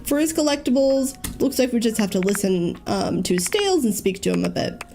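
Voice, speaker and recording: A woman's voice: mid-range voice, sing-song, brisk, creaky, darkish tone, a little hiss or hum. A young woman giving casual let's-play commentary, chatty and thinking aloud with frequent ums. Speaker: gaming YouTuber.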